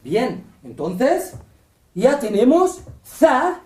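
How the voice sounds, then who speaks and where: Lively, slow-spoken woman teaching pronunciation. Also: high-pitched, echoey room, recorded from a distance. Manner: patient, repeats each sound several times, asks "¿de acuerdo?" and "¿vale?". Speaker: Arabic language teacher. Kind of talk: pronunciation lesson with call-and-repeat drills.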